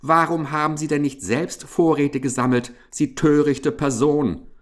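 A man's voice: mid-range voice, animated, slow pace. A man doing a stingy, grumbling fat hamster. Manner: grumbling, blustering, self-pitying.

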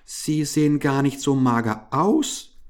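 A man's voice: mid-range voice, animated, slow, voice pushed up. A man doing a whining little field mouse. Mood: wheedling. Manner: whining, pleading, sighing. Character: clever little female field mouse, plaintive and sly.

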